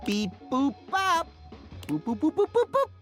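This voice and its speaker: A woman's voice: sing-song, measured pace, faint music behind. A woman voicing a chipper dishwasher robot in a video game, chanting beep-boop computer processing sounds in a singsong way. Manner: singsong, with big pitch leaps.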